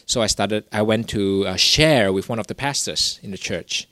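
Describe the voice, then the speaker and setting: A man's voice: fairly low pitch, moderate pace, a bit bright, dry recording, studio quality. A young man from Singapore, telling a personal story in a rambling way, full of fillers and restarts. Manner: rambling, many "you know" fillers and restarts. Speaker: guest telling his story. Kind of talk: casual testimony.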